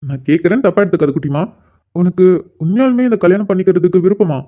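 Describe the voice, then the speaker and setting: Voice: medium pitch, animated, phone-quality sound, close to an everyday voice. A performer voicing a caring older brother who teases and comforts his sister, in a cartoon. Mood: teasing. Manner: teasing, reassuring, quick. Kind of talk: cartoon voice acting.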